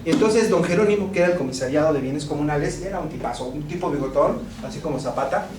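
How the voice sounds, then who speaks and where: A crowd can be heard behind a Mexican man as he lectures on law to a university class at a quick clip, his voice a little high. He keeps it casual and anecdotal, with frequent rhetorical "¿no?" in Mexican Spanish. The distant-mic recording is echoey and noisy.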